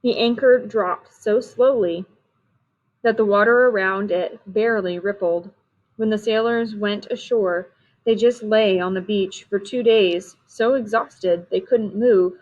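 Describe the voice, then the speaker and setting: A woman's voice: medium pitch, measured pace, darkish tone, muffled recording. Woman reading a storybook aloud. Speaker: reader.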